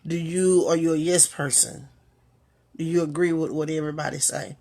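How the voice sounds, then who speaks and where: A woman's voice: low-pitched, steady tone, mellow. A woman hosting her own talk, giving a reflective motivational monologue and asking the listener one rhetorical question after another. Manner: reflective, unhurried, with pauses. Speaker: host.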